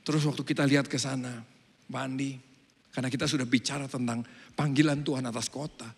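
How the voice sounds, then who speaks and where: A man preaching a lively sermon, swinging between soft asides and loud exclamations. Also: medium pitch, fast, breathy edge. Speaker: pastor. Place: church hall. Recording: long church hall reverb.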